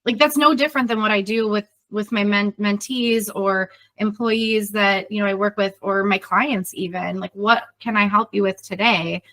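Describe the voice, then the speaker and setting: In a conversational interview, a middle-aged woman who works as a leadership consultant and co-hosts a podcast explains her ideas earnestly with everyday example questions. Her voice is medium-pitched and fairly bright, with fairly even intonation, a moderate pace, and few pauses.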